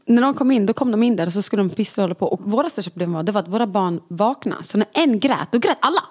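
A young woman co-hosting a casual podcast, expressive and quick to react, acting out quotes as she tells stories. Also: medium pitch. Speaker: podcast co-host. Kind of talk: casual chat.

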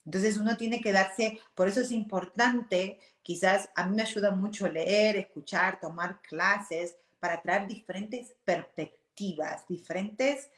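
Woman, forties, candid reflective monologue, mid-pitched voice, echoey room. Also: unhurried, hardly any pauses. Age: 40s. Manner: candid, animated, mixes in English words.

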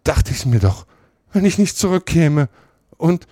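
A man reading aloud and voicing a frightened accused vagabond who sobs in a high, wailing falsetto. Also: unhurried, a little mellow, slightly rough, dry recording, studio quality, heavily acted. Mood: sobbing despair.

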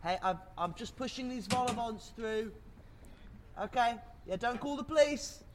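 A man's voice: lively intonation, moderate pace. A man on a podcast calling out in a raised voice through a door's mail slot, heard from the outside. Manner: raised, high-pitched calling. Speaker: podcast co-host. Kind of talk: comic bit in a casual podcast. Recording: distant, with loud background noise.

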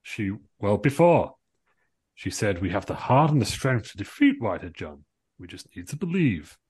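A man's voice: on the low side, big pitch swings, moderate pace, darkish tone, husky. A man voicing a steadfast, encouraging space hero, earnest and rallying, in an amateur script reading.

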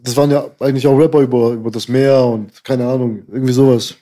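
A man's voice: mid-range voice, steady tone, quick pace, mellow. A man guesting on a casual interview, talking loosely, laughing often and restarting his sentences. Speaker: rapper guest.

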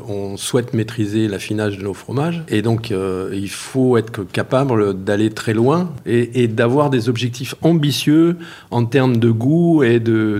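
A man being interviewed about his work as a cheesemaker, explaining slowly and carefully with many hesitations. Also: lowish voice, dark tone. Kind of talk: casual spoken interview.

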